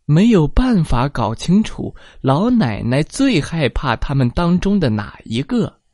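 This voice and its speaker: A storyteller reading a children's story aloud, slow and expressive, adding sound effects. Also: mid-range voice, no echo, studio quality.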